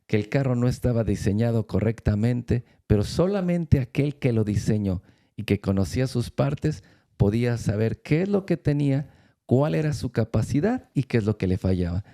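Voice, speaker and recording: A man speaks as a church speaker in a faith-based talk, his voice gravelly with a deep, mellow darkness. He tells stories at an unhurried pace, pausing often and restarting his phrases as he gathers his thoughts. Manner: storytelling with many pauses and restarts.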